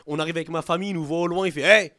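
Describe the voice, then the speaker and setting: A young man doing a stand-up comedy set in a club, animated and quick to burst into shouted impressions, with audience laughter behind him. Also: on the high side.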